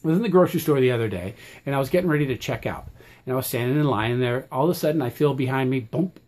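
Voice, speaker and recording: A man's voice: medium pitch, expressive, rapid-fire, a little mellow. A man giving a casual, blunt and plain-spoken talk on managing anger, often checking in with "okay?". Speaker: presenter teaching anger management and quizzing viewers.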